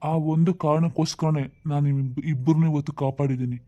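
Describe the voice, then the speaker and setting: A man's voice: fairly high pitch, steady tone, quick pace, dark tone, highs cut off, lightly acted. A man playing a police officer giving fatherly advice to a young couple in a skit. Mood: stern, advising. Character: stern but kind police officer. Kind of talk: comedy skit acting.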